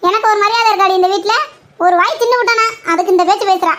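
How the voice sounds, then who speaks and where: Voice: very high-pitched, fairly even intonation, quick pace, a bit bright. A young performer voicing a spiteful, greedy old mother-in-law who taunts her daughter-in-law in a family comedy skit. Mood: taunting. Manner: bossy, taunting, fake wailing.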